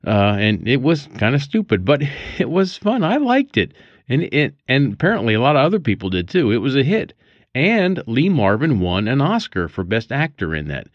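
A man's voice: medium pitch, sing-song, a little fast, dry recording. An older man hosting a casual daily almanac monologue, musing and digressive, chuckling as he reminisces. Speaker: podcast host. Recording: dull lo-fi dry recording.

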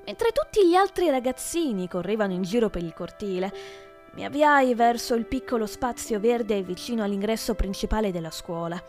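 A woman reading a children's book aloud with expressive storytelling, as the host of her own podcast. Her voice sits a little high, and gentle music plays faintly under the narration. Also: moderate pace. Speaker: podcast reader.

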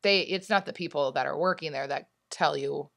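A woman co-hosting a casual podcast chat, explaining things in a measured way. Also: low-pitched, creaky, a bit bright. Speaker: podcast co-host.

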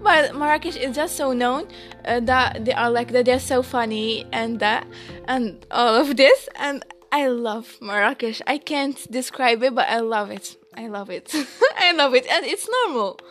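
A woman's voice: on the high side, measured pace, a bit bright, soft background music. A woman in her late teens from Morocco, hosting a casual podcast chat, giggling often and stopping to restart with many fillers. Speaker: podcast co-host.

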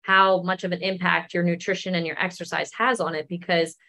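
Guest, woman in her 30s, slightly low voice, relaxed explanatory chat. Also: brisk, gravelly. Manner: relaxed, explanatory, many fillers. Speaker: wellness coach guest. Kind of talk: casual interview chat.

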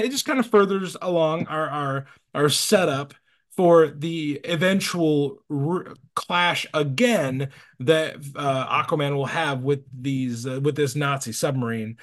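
A man hosting a casual podcast, guiding his friends through a comic with open questions. His voice sits a little high for a man, and he talks in a relaxed, conversational way. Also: unhurried. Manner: leads the talk with questions to his guests, animated. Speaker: podcast host.

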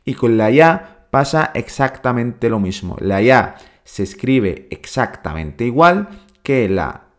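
A man teaching in a podcast, speaking slowly and patiently and repeating each sound several times. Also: medium pitch. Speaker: Arabic teacher. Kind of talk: podcast lesson.

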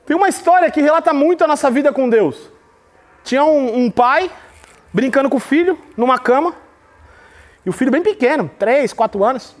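A man preaching in a devotional podcast, his voice sitting high for a man. He talks with emphasis and tells stories, switching voices to act out the people he quotes. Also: lively intonation, moderate pace.

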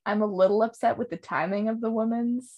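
A woman's voice: fairly high pitch, steady tone, a little fast, dark tone. A woman hosting a casual podcast chat about hockey news, talking chattily with lots of fillers and laughs. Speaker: podcast host.

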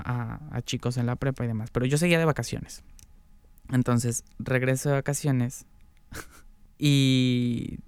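A man's voice: mid-range voice, darkish tone, clean tone, no room sound. A young man with a Mexican accent, an interview guest candidly telling a personal story in casual talk, laughing often and using slang.

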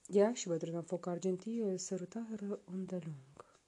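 A woman reading a folk tale aloud in a soft, slow, hushed narration. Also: fairly low pitch, breathy edge. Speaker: storyteller.

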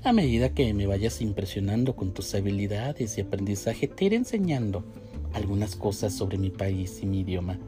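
A man voicing a kind, playful young Japanese nurse in a storybook reading, speaking gently and teasing now and then. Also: lowish voice, lively intonation, normal speed, lightly acted. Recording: faint music behind.

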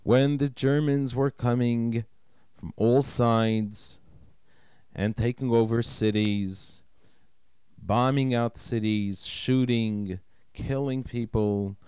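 A man who is a rabbi narrates a story in a slow, expressive, dramatic storytelling manner. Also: medium pitch, clear, resonant tone, dry recording.

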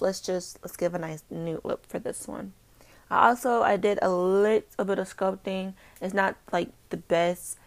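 Woman w/ rambling about her makeup looks, lowish gravelly voice, super chatty. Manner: chatty, rambling, expressive, playful asides. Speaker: makeup podcast host. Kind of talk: casual chat.

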